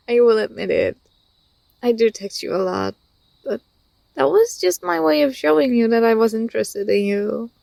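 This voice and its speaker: In an intimate ASMR roleplay, a young woman plays an affectionate, teasing university student, speaking softly with tender hesitation. Her fairly high voice is creaky, the recording has no echo, and the mood is playful and tender.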